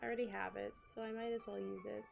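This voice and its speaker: A woman's voice: medium pitch, flat delivery, quick pace, gravelly, a little mellow, soft background music. A woman streamer chatting casually as she works on a craft. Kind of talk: casual chat while crafting.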